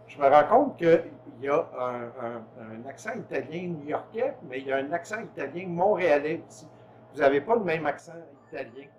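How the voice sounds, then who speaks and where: Guy interviewing a chef, voice kinda high, asks quick questions, faint kitchen noise around. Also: animated, darkish tone, dull audio. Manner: conversational, prompts with short questions and backchannels. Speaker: interviewer, host. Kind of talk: casual interview. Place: production kitchen.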